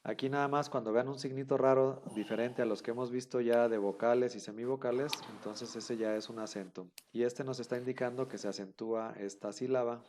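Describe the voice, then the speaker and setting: A man's voice: medium pitch, steady tone, a little fast, hardly any pauses, a little mellow, slight background noise. A man teaching a class, patiently repeating the rules with many fillers. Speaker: Hebrew teacher. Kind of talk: online class explanation.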